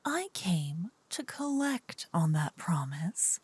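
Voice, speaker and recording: A woman plays a seductive, possessive demon queen in an intimate fantasy ASMR roleplay, her fairly low, sing-song, darkish voice heavily acted and often dropping to a breathy, husky whisper. She sounds smug as she explains things, slow and teasing with a doting menace. The close, dry microphone picks up no echo.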